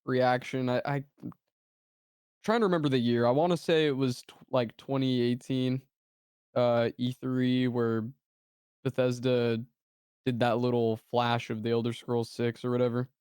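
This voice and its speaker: A young man co-hosts a gaming podcast in a laid-back way, with short reactions and gamer slang. His voice is smooth and clear at a middle pitch, and he keeps things casual. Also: level tone, unhurried, darkish tone. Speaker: podcast co-host. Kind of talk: casual gaming news chat.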